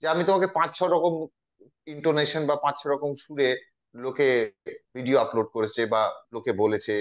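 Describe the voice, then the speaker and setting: A man in a casual conversation asks questions, sometimes pausing and restarting as he works them out. His pitch sits a little high. The recording sounds slightly muffled. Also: steady tone. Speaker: co-host asking questions. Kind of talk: casual chat.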